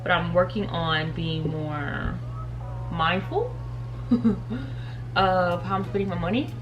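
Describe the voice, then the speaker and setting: A thirty-year-old beauty and faith vlogger chats casually while doing her makeup, giggling often and speaking directly to viewers. Her voice is on the low side and slow. The sound is lo-fi, over music.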